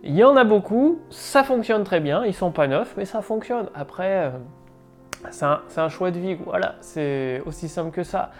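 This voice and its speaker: A man from France talks straight to camera in a loose, conversational vlog style, dropping casual fillers and punchy asides. Faint music plays quietly underneath his voice. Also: high voice, expressive, normal speed. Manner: chatty and informal, punctuated with "bah" and "boum". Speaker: entrepreneur vlogger.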